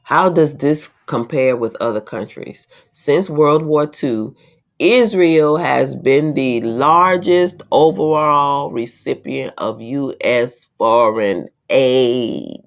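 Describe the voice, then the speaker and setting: A woman's voice: a bass voice, slow. A woman reading an article aloud and breaking off into indignant, emphatic commentary. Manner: indignant, emphatic asides between read passages. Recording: slightly dull, lo-fi recording.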